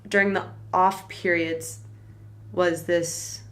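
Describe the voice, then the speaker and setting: Slow-talking young woman telling stories. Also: lowish voice, level tone. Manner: slow, drawn-out storytelling, lots of "like". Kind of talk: casual chat.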